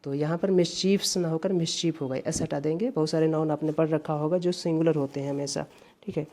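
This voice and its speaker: Going question by question through exam grammar, a woman from India reads each English example sentence in a slow, careful way. She speaks in a low, dark voice with fairly even intonation.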